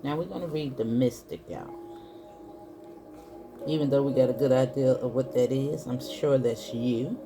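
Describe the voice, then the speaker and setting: A woman's voice: rumbling low, moderate pace, pauses often, noisy background. A woman doing a casual spiritual card reading, chatting to her viewers and calling them y'all. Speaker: tarot reader. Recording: soft music in the background.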